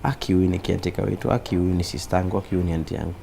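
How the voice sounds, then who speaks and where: A Kenyan man with a Kenyan accent, a comedian chatting in an interview, animated and mixing in Swahili. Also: deep voice, rapid-fire, vocal fry, a little hiss or hum. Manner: animated, mixes Swahili, acts out quoted voices. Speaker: comedian guest. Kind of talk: casual interview chat.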